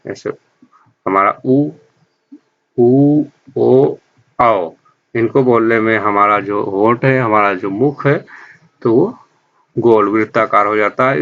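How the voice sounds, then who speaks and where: Guy teaching exam grammar, bright forceful voice, asks a question then answers it himself, kinda dull lo-fi audio. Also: on the low side. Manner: explains by asking questions and answering them himself; repeats key terms slowly. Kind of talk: exam-prep grammar lesson. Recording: dull lo-fi sound.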